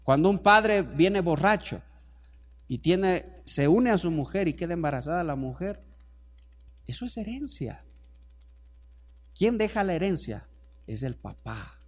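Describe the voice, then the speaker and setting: A man preaches to his congregation in a high, lively voice whose pitch rises and falls widely. He moves from hushed, slow asides to loud, pressing stretches and calls on the listeners to repeat words after him. It is a pastor's sermon in front of a church congregation. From Ecuador.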